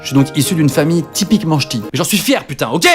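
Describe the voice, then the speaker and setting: Over background music, a young Frenchman from the north, in his twenties, pokes fun at himself while recounting his life story as a comic voice-over for his video. He talks fast and with lots of energy, his voice sitting on the high side.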